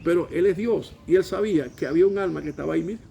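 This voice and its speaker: A man's voice: high voice, very fast, creaky, mellow. A man preaching a sermon as pastor, emphatic, calling the congregation to repeat after him. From Venezuela. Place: church.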